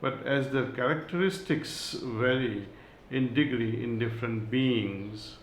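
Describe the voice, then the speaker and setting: Slow, measured man. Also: medium pitch, reverberant, a little hiss or hum, low-quality recording. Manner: slow, measured, with long pauses. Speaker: spiritual teacher. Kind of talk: spiritual talk with reading aloud.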